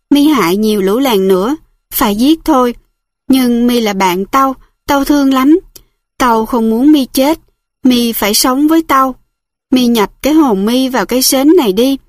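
A woman's voice: high voice, unhurried, no room sound, clean studio sound. A woman voicing a stern older village man. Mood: grieving. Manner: blunt, commanding speech. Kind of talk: audiobook reading.

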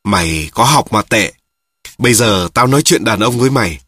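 A man's voice: on the low side, lively intonation, moderate pace, a bit bright, breathy edge, no room sound. A man reading a story, voicing a blunt, coarse old father who swears at his children. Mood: gruff.

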